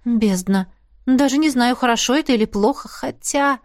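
A woman's voice: on the high side, moderate pace, dry recording, studio quality, close to an everyday voice. A woman voicing a spirited young heroine in an audiobook, asking eager, urgent questions.

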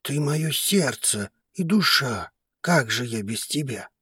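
A woman voicing a passionate, devoted male dragon-alien lover, speaking low, slow and hushed as he pleads. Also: expressive, husky, dry recording, clean studio sound, exaggerated voice. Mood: pleading. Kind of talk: audiobook character reading.

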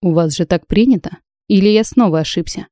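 Audiobook casting: a woman playing a calm, playful male mage, low and hushed, warm tone, dry close sound. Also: brisk, no echo, natural voice. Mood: teasing.

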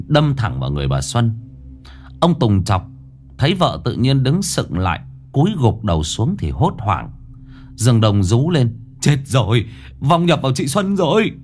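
A man narrating a ghost story in a dramatic, expressive way. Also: lowish voice.

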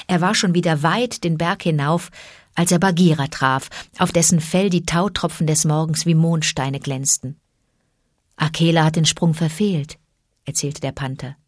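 Calm woman audiobook narrator. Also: sits low, moderate pace, no room sound, clean studio sound. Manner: calm, even storytelling. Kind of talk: scripted narration of a classic story.

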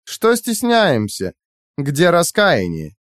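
A cold, sarcastic rogue AI woman, put on by a man, pitched high above a male voice. Her tone drips with honeyed mockery and swings widely. The sound is dry and close. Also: big pitch swings, measured pace, dry recording. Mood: mocking, cold.

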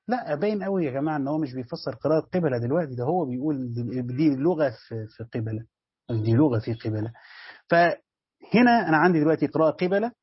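A man's voice: a little high, husky, no room sound, highs cut off. A man with an Egyptian Arabic accent teaching a lesson on a tafsir text, explaining step by step, repeating key words and addressing his students directly. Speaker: Islamic studies teacher.

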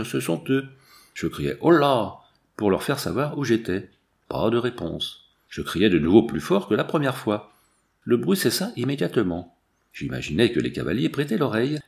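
A man reading a classic adventure novel aloud in steady, measured narration, with slight shifts for the quoted voices. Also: medium pitch, gravelly. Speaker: audiobook reader.

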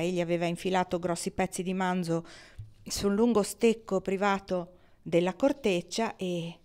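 A woman narrating a novel as an audiobook reader, measured and expressive. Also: lowish voice.

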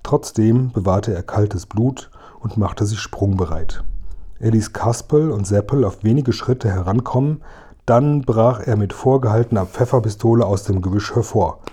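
A man reading a children's book aloud as narrator, calm and even. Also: fairly low pitch, breathy edge.

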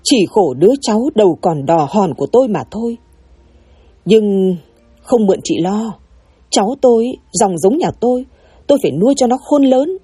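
A woman's voice: medium pitch, expressive, normal speed, warm tone, slightly rough, dry recording. A woman playing a stern scolding grandmother. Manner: harsh, scolding.

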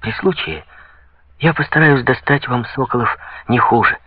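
A man reading as a brisk young Lombard banker. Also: medium pitch, dry recording, natural voice. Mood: assured. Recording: dull lo-fi sound.

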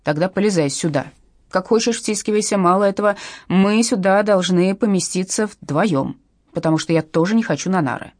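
A woman voicing a sharp, bossy female detective writer who gives terse, hushed commands. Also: mid-range voice, fairly quick, no echo, studio quality, natural voice. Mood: curt, bossy.

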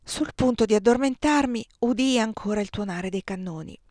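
A woman narrating a literary novel aloud in a measured, expressive reading voice. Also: fairly high pitch, dry recording, clean studio sound. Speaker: audiobook reader.

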